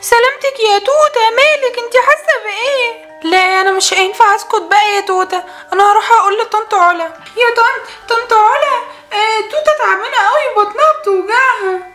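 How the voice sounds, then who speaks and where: A woman with an Egyptian Arabic accent voicing an excitable young girl doll who chats and frets. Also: very high-pitched, fast, faint music behind. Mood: alarmed. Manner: excitable, chatty. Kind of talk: doll play acting. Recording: echoey room.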